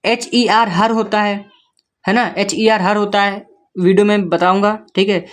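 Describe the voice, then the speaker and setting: A man's voice: high voice, level tone, measured pace. A man teaching beginners to read, going letter by letter and checking in with the listener. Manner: patient, spells words letter by letter, keeps checking in with the listener. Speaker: English reading teacher. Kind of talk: step-by-step spoken lesson.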